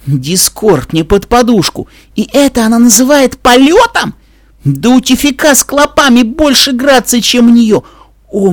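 A man reading a story aloud and voicing a brash, tomboyish young female pegasus pony who scoffs loudly in dramatic outbursts. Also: very high-pitched, dry recording, clean studio sound, voice pushed up. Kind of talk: audiobook character voice.

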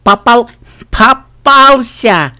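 A man's voice: high-pitched, slow, voice pushed up, exaggerated voice. A man voicing a cheeky young filly, a playful and wheedling little sister, in a storybook reading. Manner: giggly, wheedling, excitable.

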